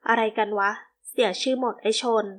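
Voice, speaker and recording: A woman's voice: fairly high pitch, steady tone, normal speed, close to an everyday voice. A woman voicing a mischievous young man who needles his friends with jokes, in a storybook reading.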